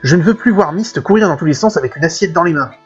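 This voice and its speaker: A man plays a stern young mercenary leader who talks in short, blunt questions. His voice sits a little high and sounds husky. It is a dull lo-fi recording with faint game music. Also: animated, fast. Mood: exasperated.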